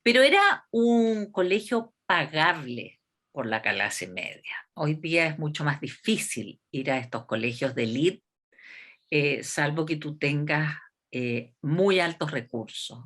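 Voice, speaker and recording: Slow, measured Chilean woman. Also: low voice, lively intonation, a bit bright. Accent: Chilean Spanish. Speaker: interviewee, constitutional delegate. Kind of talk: reflective interview talk.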